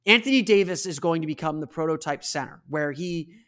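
Stammering podcast host with a higher voice. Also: male voice, fairly bright tone. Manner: repeats words, quick restarts. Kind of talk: casual podcast chat.

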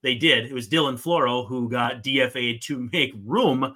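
A man's voice: mid-range voice, normal speed, bright, forceful tone. A man giving casual, discursive sports analysis with emphatic points. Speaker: baseball analyst and podcast co-host.

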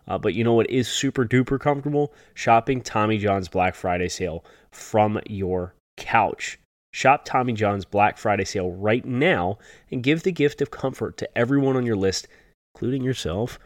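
A man hosting a podcast, reading out a holiday sale ad as a conversational sales pitch. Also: no room sound, studio quality. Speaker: podcast host.

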